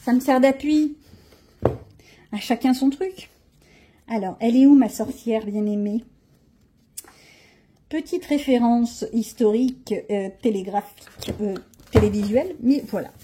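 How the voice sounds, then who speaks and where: A woman's voice: a little high, a little slow, long pauses, background noise. A woman hosting a coloring channel, chatting casually and showing her pages, grumbling and poking fun at herself. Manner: chatty, grumbling and self-mocking.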